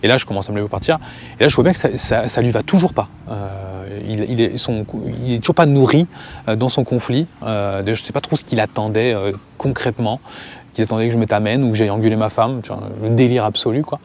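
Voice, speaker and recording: Calm, mellow-voiced man telling a story. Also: lowish voice, quick pace, slight background noise. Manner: calm, advice-giving aside to viewers. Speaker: family and parenting vlogger. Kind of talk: casual storytelling to camera.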